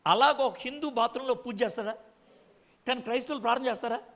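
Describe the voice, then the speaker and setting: A man's voice: very high-pitched, fast talker, a bit bright, big-room sound. A man preaching a sermon, quizzing his congregation with frequent direct questions.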